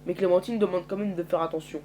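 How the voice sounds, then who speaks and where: A man's voice: high voice, fairly even intonation, fast, dark tone, a little hiss or hum. Guy telling his own zombie story casually, reads all the parts himself. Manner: acts out every character in turn. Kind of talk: casual homemade story narration.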